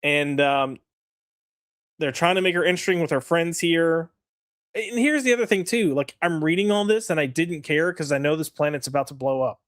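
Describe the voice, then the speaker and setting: A man's voice: on the high side, normal speed, a bit bright, no room sound, clean studio sound. A man co-hosting a casual comic review chat, frank and exasperated, rambling with fillers.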